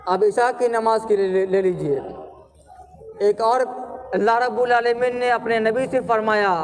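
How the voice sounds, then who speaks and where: Male preacher, high tenor, fiery sermon delivery with forceful surges. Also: fairly even intonation. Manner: fiery, impassioned preaching with rising loud passages.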